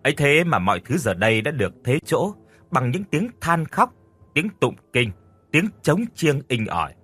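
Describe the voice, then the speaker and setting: A man narrating a scripted village horror story in an expressive storytelling manner. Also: on the high side, normal speed, slightly rough.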